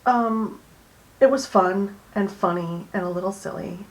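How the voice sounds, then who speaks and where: A woman hosting a drawing session at her home art desk, chatting casually and going soft and hushed when she concentrates. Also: mid-range voice, a little slow, poor audio. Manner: soft-spoken, drifting into near-whispers while concentrating; chatty and easygoing, with fillers and small laughs. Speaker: art channel host. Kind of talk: casual drawing tutorial chat.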